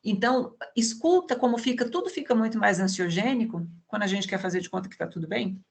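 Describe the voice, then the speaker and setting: A woman's voice: medium pitch, expressive, fast talker, vocal fry. A woman psychologist in an online conversation, explaining with everyday examples and frequent tag questions over a video call.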